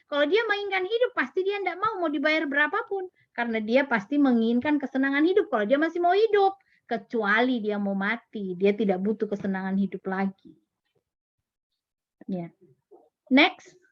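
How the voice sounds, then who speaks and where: High-voiced woman teaching an Islamic lesson. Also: dry recording, muffled recording. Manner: explanatory, repeats key words, asks rhetorical questions. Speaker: religious teacher at a parenting class.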